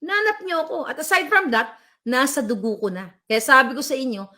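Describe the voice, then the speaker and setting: A woman's voice: high voice, animated, brisk, bright, forceful tone. A middle-aged woman vlogging live to her viewers, speaking in fiery bursts that mix Tagalog and English and reading out viewer comments. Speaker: political vlogger. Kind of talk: live-stream chat with viewers. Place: abroad, at home.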